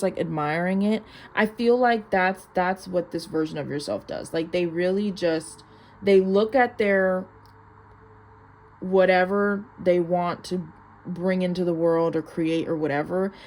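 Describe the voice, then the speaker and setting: A woman's voice: on the low side, darkish tone. A young woman giving a casual, rambling mystical tarot reading in an informal, chatty way, saying "like" a lot. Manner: chatty, informal mystical card interpreter with heavy use of "like". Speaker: tarot card reader. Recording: clear background noise.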